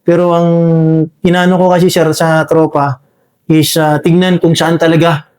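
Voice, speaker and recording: Soldier guy telling a war story, keeps saying sir, lots of um and uh, kinda high and flat voice. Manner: halting, full of fillers, says "sir" constantly. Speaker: soldier recounting a combat encounter. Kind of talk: spoken war story in an interview.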